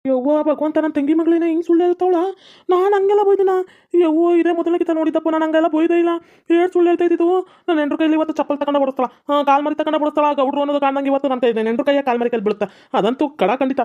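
A woman voicing a grumpy older father-in-law in a cartoon, with a North Karnataka accent and a shrill, whining manner. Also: fairly even intonation, rapid-fire, hardly any pauses, darkish tone, highs cut off, close to an everyday voice. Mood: protesting. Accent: North Karnataka Kannada. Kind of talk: cartoon comedy voice acting.

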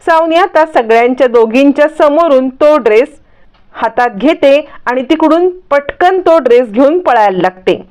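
A woman narrating a lively, dramatic retelling of a TV serial episode. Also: high voice, normal speed.

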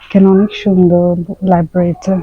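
A woman's voice: lowish voice, flat delivery, fairly quick, husky, dry recording, muffled recording. A young woman from Bangladesh gives chatty running commentary for her daily vlog, slipping English words into her speech as she films on a handheld phone. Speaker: vlogger and mother. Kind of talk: casual daily vlog narration. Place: outdoors in winter and inside a library.

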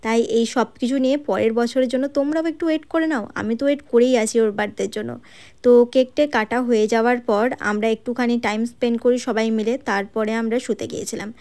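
This road trip vlog voice-over comes from a woman speaking at a quick pace, a little high, with a darkish tone. Chatty throughout, she addresses viewers directly with tag questions.

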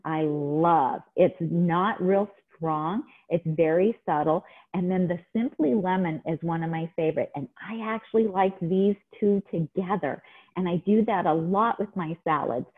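A middle-aged woman chatting enthusiastically while demonstrating a salad in her home kitchen over a video call. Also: lowish voice. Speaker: cooking demonstrator. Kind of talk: casual cooking demo. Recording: tinny phone-like video call audio.

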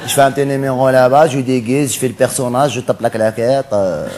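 A male comedian on stage playing a flamboyant, cross-dressing cabaret dancer in a stand-up character monologue, camp and theatrical, quick to snap at the audience. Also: mid-range voice, fairly even intonation, crowd noise, noisy background, close to an everyday voice. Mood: camp chatty.

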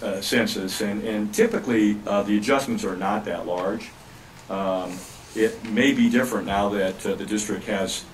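Brief: man at a public board meeting, lowish voice, measured explainer who restarts a lot, picked up from a distance in a roomy hall. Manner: measured, with frequent fillers and restarts. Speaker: staff member explaining redistricting. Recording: roomy echo, distant mic, faint hum.

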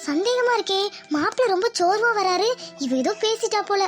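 A woman's voice: very high-pitched, lively intonation, a little fast, soft background music. A woman voicing a scheming young bride-to-be in a cartoon, speaking politely and then muttering sly asides. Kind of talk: Tamil cartoon dubbing with asides.

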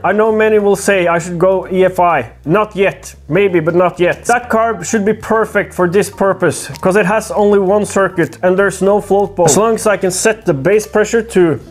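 A man hosting a workshop vlog, explaining things to camera in a measured, casual way. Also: high-pitched. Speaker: host of a workshop build vlog. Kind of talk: casual scripted narration to camera. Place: workshop room, indoors. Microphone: lapel mic. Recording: music behind the voice.

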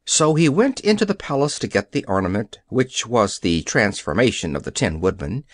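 A man narrating an audiobook with expressive storytelling, recorded on a close studio mic. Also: medium pitch, no room sound. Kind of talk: scripted narration.

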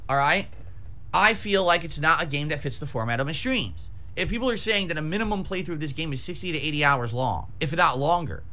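A man's voice: fairly high pitch, pushed and bright. A man in his forties ranting combatively to his livestream viewers, emphatic and profane, hammering points through repetition. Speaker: variety game streamer. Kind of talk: livestream rant to chat viewers. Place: small decorated home streaming room, indoors. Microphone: close desk microphone with pop filter.

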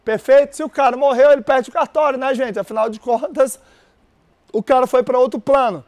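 A man's voice: very high-pitched, steady tone, a little fast, a little mellow. A man teaching an exam-prep class live. He quizzes the audience and repeats key words with lots of energy. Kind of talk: live-streamed lecture with call-and-response.

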